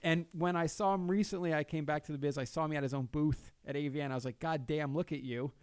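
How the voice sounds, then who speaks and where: With a fairly high pitch, fairly even intonation, and a quick pace, this man's voice is clean, and the recording is dry. He's a brash, joking New Jersey podcast host in a studio who swears freely while reading plugs and chatting casually with guests.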